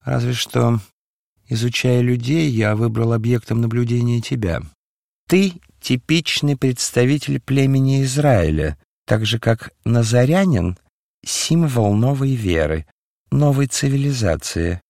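Cryptic, unflappable stranger for an audiobook, calm and mocking, read by a man. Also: medium pitch, unhurried, vocal fry, dry recording, clean studio sound, pitched above the performer's own voice. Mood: cryptic, wry. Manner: calm, dispassionate, faintly mocking.

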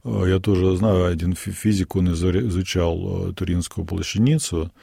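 A man talks as a priest in a radio discussion. His voice is deep, dark and gravelly, with a husky edge. His delivery is measured and reflective, and he pauses often to think. The studio sound is close and dry. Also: fairly even intonation, no echo. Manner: measured, thoughtful, many pauses and fillers. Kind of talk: radio discussion of church writings.

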